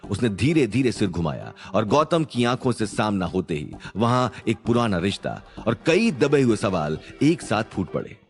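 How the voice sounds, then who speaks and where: Low-voiced man narrating a suspense story. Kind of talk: scripted dramatic narration.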